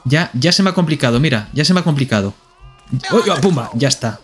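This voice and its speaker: A man's voice: on the high side, animated, quick pace, soft background music. A man with a Spain Spanish accent streaming live gameplay commentary, playfully talking to himself and to the characters on screen.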